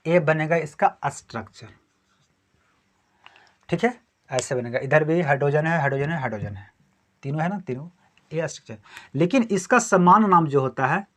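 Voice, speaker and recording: A male chemistry teacher lecturing a class, who keeps asking questions and answering them himself and repeats the key terms again and again. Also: on the high side.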